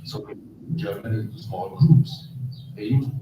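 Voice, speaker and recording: A man speaking earnestly and haltingly in 1940s film acting. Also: on the low side, very noisy. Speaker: bystander in an old film clip. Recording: dull, roomy old film audio from far off.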